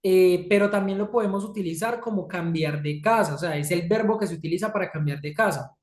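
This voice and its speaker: A woman's voice: fairly low pitch, brisk, a little mellow. A woman teaching an English class, who keeps checking in with her students. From Colombia. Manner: checks in often with "¿sí?" and "¿listo?". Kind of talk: classroom lesson. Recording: echoey room.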